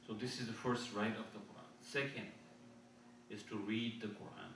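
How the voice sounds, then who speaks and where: Delivering a sermon in a mosque hall for an Islamic conference, a man speaks with a lowish, fairly bright voice and fairly even intonation. He's earnest, often repeating or restarting phrases and reciting Arabic verses rapidly; distant miking in the very echoey hall adds a little hiss or hum.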